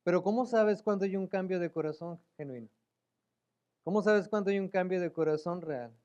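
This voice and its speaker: Emotional male preacher, high voice, muffled lo-fi sound. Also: normal speed, clean tone. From Mexico. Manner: emotional, acts out pleading voices, rises to loud emphatic peaks. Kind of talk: sermon. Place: church sanctuary.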